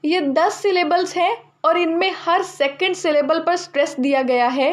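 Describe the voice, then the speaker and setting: A young woman teaching literature in a steady lecture, explaining each term twice in simpler words. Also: very high voice, moderate pace.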